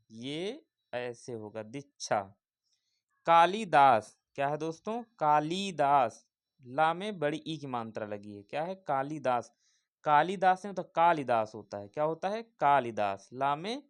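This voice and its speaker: A man teaching an exam-prep spelling lesson, repeating each word and asking viewers questions. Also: a little high.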